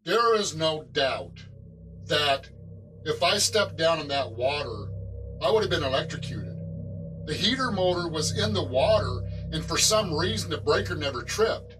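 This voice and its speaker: A man's voice: a little high, lively intonation, a little slow, low-quality recording. A middle-aged man giving a spontaneous first-hand account as an amateur ghost investigator. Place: indoors at home. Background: music.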